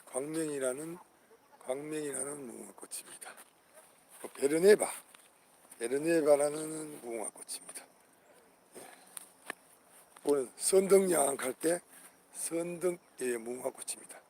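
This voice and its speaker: An older man with a gravelly voice records a vlog in an outdoor park garden. He names each flower in turn, often repeating the name, and calls out to his viewers with patriotic enthusiasm. Faint crickets and insects chirp behind him. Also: fairly high pitch, dark tone, a little hiss or hum. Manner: hearty patriotic appeals to viewers. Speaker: channel host.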